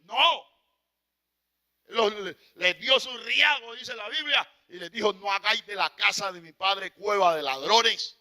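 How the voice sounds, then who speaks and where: Male preacher, high bright voice, impassioned, loud-to-hushed sermon delivery. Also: unhurried.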